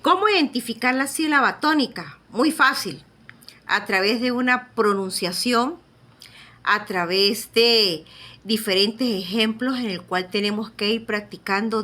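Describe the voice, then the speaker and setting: A woman teacher with a bright, clear voice at a middle pitch gives a recorded lecture. She explains patiently, step by step, and keeps checking that her students are following.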